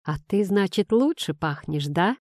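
A woman voicing a drunk, insolent young man who mocks his former friend, in a slow, sneering tone. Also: mid-range voice, animated, darkish tone, dry recording, studio quality, lightly acted. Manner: sneering, mocking.

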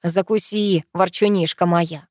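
A woman's voice: lowish voice, fairly even intonation, unhurried, darkish tone, no room sound, clean studio sound, close to an everyday voice. A woman voicing an easygoing, teasing young man who jokes lazily. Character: young man, easygoing joker, donut-eating.

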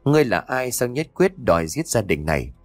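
A man's voice: medium pitch, sing-song, a little fast, darkish tone, dry recording, soft background music. A man voicing a stern male exorcist master in an audio story, scolding and giving orders.

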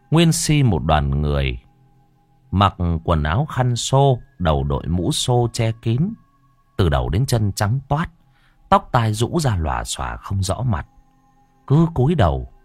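A man narrating a ghost story in a dramatic way, slowing down for tense moments. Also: low voice, no room sound. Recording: dry close voice with faint background music.

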